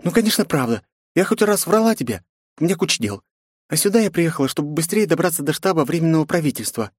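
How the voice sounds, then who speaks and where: A man's voice: a little high, animated, fast, husky, no room sound, clean studio sound, pitched above the performer's own voice. A man voicing a defiant, sarcastic eighteen-year-old princess in an audiobook, with cheeky, mocking retorts. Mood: scornful.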